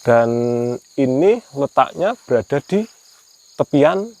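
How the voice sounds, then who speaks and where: A man's voice: fairly high pitch, sing-song, slow, gravelly, a little mellow. A man narrating a casual night vlog outdoors, explaining what he sees and often checking with his companion. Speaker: host of a mystery exploration vlog. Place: outdoors at night by a ruined empty village house.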